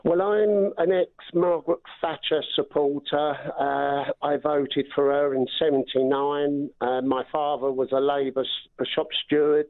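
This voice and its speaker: An older Englishman phones in to a call-in show over a tinny line and rants angrily about politics, repeating words and trailing off. His voice is a little high and level in tone, and he speaks unhurriedly with few pauses on a dry recording.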